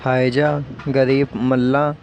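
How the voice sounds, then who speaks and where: Slow flat-voiced man listing vocabulary. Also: medium pitch, vocal fry, lo-fi sound, slight background noise. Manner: slow, listing words one by one. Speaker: YouTube exam-prep teacher. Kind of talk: reading out Hindi vocabulary lists.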